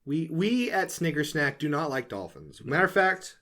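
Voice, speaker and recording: A young man co-hosting a podcast, talking in excitable, rambling bursts in casual chat. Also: a little high. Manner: excitable, rambling, quick outbursts. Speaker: podcast co-host.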